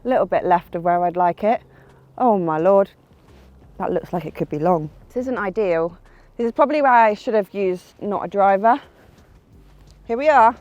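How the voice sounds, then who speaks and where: A medium-pitched young woman talks at a moderate pace on a dry recording with the highs cut off. As a golf vlogger, she narrates her outdoor round in a chatty, self-mocking way, talking herself through shot after shot.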